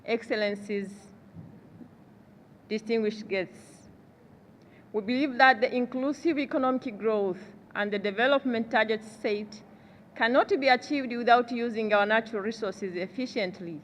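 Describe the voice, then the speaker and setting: A middle-aged woman with a Rwandan accent delivers a formal, measured podium speech, read from notes as a government delegate. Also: a little high. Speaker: government official, delegate speaker. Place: large conference hall. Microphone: podium gooseneck microphone. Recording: reverberant large hall, background noise.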